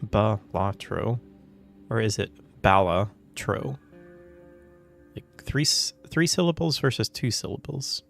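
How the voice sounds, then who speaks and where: A man chatting casually on his gaming livestream, rambling and confused, with frequent chuckles and throat clearing. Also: medium pitch, normal speed, hardly any pauses. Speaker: livestream gamer. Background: soft background music.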